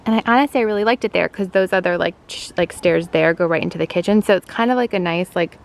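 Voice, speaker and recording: A woman's voice: on the low side, fast, creaky. A woman in her thirties chatting casually in a gushing way as she hosts a home tour vlog. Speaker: homemaking vlogger, host. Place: at home, partly outdoors on a deck.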